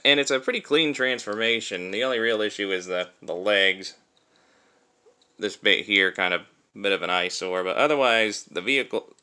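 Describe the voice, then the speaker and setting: In a casual hands-on toy review, a man explains things step by step. His deep voice has a bright, forceful tone and comes through cleanly.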